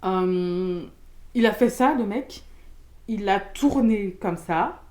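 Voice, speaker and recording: A young woman from Belgium, telling a storytime in casual slangy chat, loud and expressive, acting out the people in her story. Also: medium pitch, takes it slowly. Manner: casual slangy talk with many fillers.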